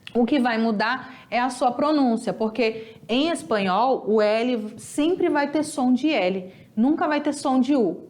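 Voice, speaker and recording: A young Brazilian woman with a Brazilian Portuguese accent, teaching a recorded lesson and drawing out words slowly to show pronunciation. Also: fairly high pitch. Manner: lively, drawn-out teacherly pronunciation drills. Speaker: Spanish teacher.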